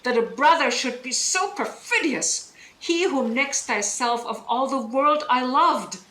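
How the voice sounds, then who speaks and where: In a Shakespearean audio drama, a woman plays a bitter, scholarly deposed duchess and sorceress mother, using a high, bright, forceful full character voice that's expressive and unhurried. Her declamatory, emphatic delivery is bitter and insistent and demands attention. It was recorded remotely over an internet link in an indoor room, sounding roomy and noisy.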